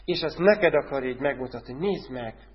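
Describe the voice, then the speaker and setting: A male preacher giving a sermon, who keeps asking his listeners direct questions and swings between loud, urgent lines and hushed ones. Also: medium pitch, expressive. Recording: dull sound with a long hall echo.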